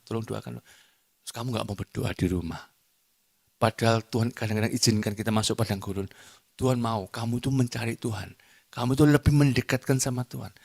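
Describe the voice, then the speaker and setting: A middle-aged evangelist preaching a church sermon. He talks emphatically, swings from loud declarations to quiet confiding asides, and jokes with the congregation. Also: medium pitch. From Indonesia. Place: church hall during a service.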